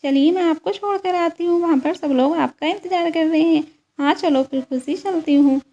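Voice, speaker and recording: A woman's voice: very high voice, normal speed, dark tone, lo-fi sound. A woman voicing a cheerful young sister-in-law in a doll story, eager and chatty. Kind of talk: doll story role-play.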